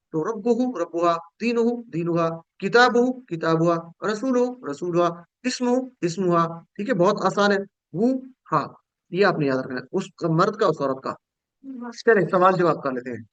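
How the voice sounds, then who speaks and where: High-pitched man drilling grammar patiently. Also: bright, forceful tone, no echo. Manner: patient, repetitive drilling with call-and-response prompts. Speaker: Quran course teacher. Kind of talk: online Quranic Arabic grammar lesson.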